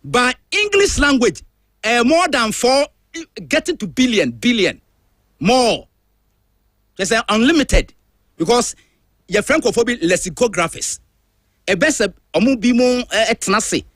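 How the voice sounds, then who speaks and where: A Ghanaian man with a voice high for a man hosts a drive-time radio show, delivering an opinionated talk-radio monologue with emphatic, animated energy and moving freely between languages. He's unhurried and pauses often, and the studio sound is dry and close with no echo or room around it.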